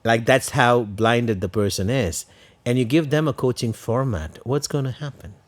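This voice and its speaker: A man's voice: mid-range voice, moderate pace. A man co-hosting a podcast, explaining ideas earnestly and asking rhetorical questions. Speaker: podcast co-host.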